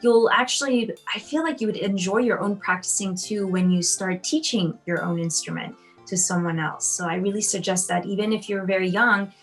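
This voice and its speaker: A woman in her thirties, a pianist who grew up in Austria, answers interview questions in a chatty, encouraging tone. She talks at an even middle pitch, often pausing on ums and you-knows, with faint music in the background. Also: poor audio. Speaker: piano teacher and competition judge.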